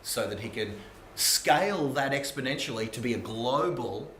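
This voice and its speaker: A man hosting a podcast interview, telling stories with animated energy and frequent laughter. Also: mid-range voice, moderate pace. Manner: animated storyteller, laughs often. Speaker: podcast host. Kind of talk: casual interview chat. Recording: roomy echo, faint background noise.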